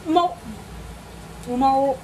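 A woman's voice: sits high, slow pace, recorded from a distance, poor audio. A woman chatting casually with her mouth full, chewing as she playfully exclaims over her food at home. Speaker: mukbang streamer. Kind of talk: casual eating chat. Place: home, indoors, cooking at a tabletop grill. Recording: loud sizzling grill noise.

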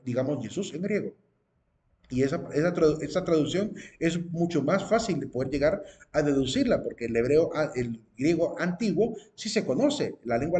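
A man's voice: on the high side, mellow. Explaining man, tag questions. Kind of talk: informal teaching talk to viewers.

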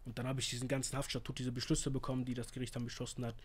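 A young man with telling a real-life story in a casual, animated way, acting out the lines of the people in it. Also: medium pitch, racing, slight background noise. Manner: slangy, animated, acts out quoted lines.

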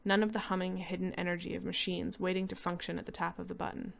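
A woman giving a dramatic reading of a short story, acting out each character and rising loud for the shouting and panicked lines. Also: lowish voice, little pitch movement, fast, vocal fry. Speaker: reader.

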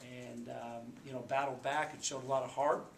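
A man in his forties, a basketball coach, speaking at a postgame press conference in a subdued, halting way with many fillers. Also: medium pitch, level tone, vocal fry. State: subdued after a loss. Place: small press room indoors. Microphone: table mic. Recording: echoey room, faint background hum.

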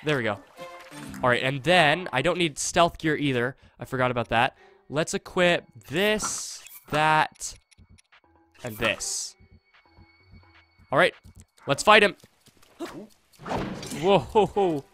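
A young man giving casual gameplay commentary, chatty and thinking aloud, with excitable reactions. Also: on the high side, takes it slowly, pauses often, faint music behind. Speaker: let's play host. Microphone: desktop USB condenser mic.

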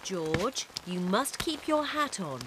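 A sensible, caring cartoon mother pig. She speaks gently but firmly at an unhurried pace with lively pitch, while rain patters audibly behind her. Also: heavy background noise.

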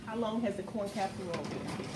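A middle-aged woman hosts a home cooking show in a big indoor kitchen, talking fast and casually in a mid-range voice with lively intonation, often checking in with "guys" and "okay?". Picked up by a camera mic across the room, the sound is roomy, distant, and full of kitchen noise.

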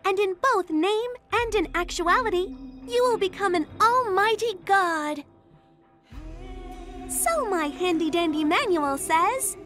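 A very high girlish angel, chirpy and devoted to her lord. She speaks formally and eagerly in video game style, with music softly behind her. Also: expressive, slow, heavily acted. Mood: earnest, polite. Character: polite, chirpy young girl angel serving her lord.

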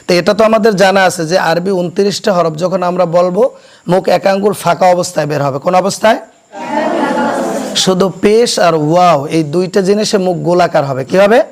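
A man teaching children to pronounce Arabic letters, explaining slowly and quizzing his pupils so they repeat after him. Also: sits high. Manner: asks questions and has pupils repeat; slow, deliberate explanation. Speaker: Quran teacher. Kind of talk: classroom recitation lesson. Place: madrasa classroom.

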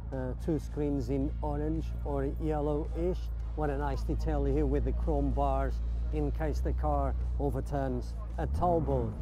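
His voice is warm and on the high side as this vlogger wanders an outdoor car park during a car meet. He keeps up casual, enthusiastic commentary, admiring things and asking viewers what they think.

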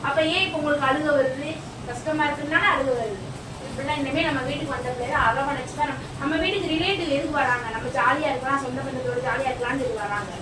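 Woman doing a strict aunt scolding kids, high voice, echoey room far from the mic, noisy. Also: fast talker, lightly acted. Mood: lecturing. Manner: scolding, questioning, lecturing.

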